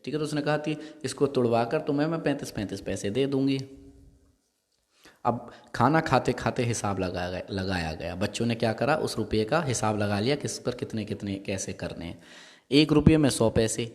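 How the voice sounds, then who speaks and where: Man teaching a story lesson, reverberant room. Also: medium pitch. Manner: repeats and explains each line, asks quick checking questions. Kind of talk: explaining and reading a Hindi story lesson. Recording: long hall-like reverb.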